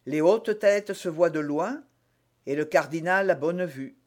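A man voicing a bold, quick-witted young male musketeer in an audiobook reading, giving brisk orders. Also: on the high side, lightly acted. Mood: persuasive.

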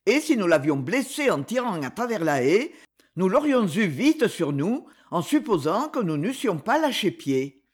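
Brief: a man voicing a cool, decisive adventurer-hunter in an audiobook, husky and lively. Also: high-pitched, measured pace, full character voice. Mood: calm, assured. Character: bold, coolheaded male English big-game hunter. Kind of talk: audiobook character reading.

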